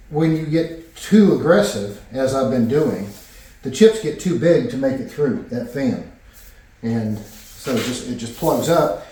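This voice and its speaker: In his home workshop, a woodworking vlogger narrates his project casually and ramblingly, full of fillers and restarts. His mid-range voice is mellow and off-mic, picked up from a distance in an echoey room with slight background noise.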